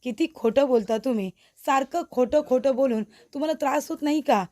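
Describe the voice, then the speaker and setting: A woman's voice: high-pitched, a little fast, darkish tone, no echo, natural voice. A woman voicing a young pregnant wife who bluntly accuses her mother-in-law. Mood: accusing.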